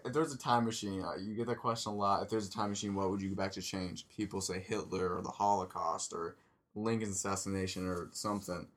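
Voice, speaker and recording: A man's voice: sits low, steady tone, fast. A man co-hosting a podcast, chatting casually and musing in an earnest, puzzled way. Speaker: podcast co-host. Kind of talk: casual chat.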